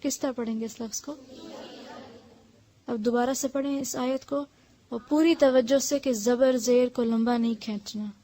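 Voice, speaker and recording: High-voiced woman quietly correcting recitation. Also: fairly even intonation. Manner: quiet, patient corrections with quick explanations. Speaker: Quran recitation teacher.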